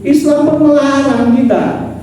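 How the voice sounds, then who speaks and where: Joking preacher in an echoey mosque. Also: male voice, extremely high pitch, measured pace, mellow, a little hiss or hum. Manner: jokey storytelling with rhetorical questions to the congregation. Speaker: Islamic preacher teaching a mosque study class. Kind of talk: mosque study lecture. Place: mosque prayer hall. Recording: echoey mosque hall from far off.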